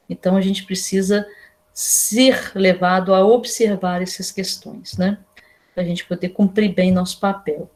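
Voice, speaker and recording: A Brazilian woman lecturing to her students in a casual, explanatory way, often asking them rhetorical questions. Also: mid-range voice. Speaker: university lecturer. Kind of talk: online class lecture.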